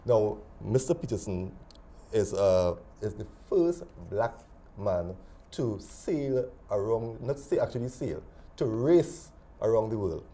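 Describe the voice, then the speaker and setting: Guy hosting a tv talk show, low dark voice, formal and welcoming, little hum of noise behind. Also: lively intonation, slow. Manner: formal, welcoming, with filler hums. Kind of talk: studio interview. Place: TV studio.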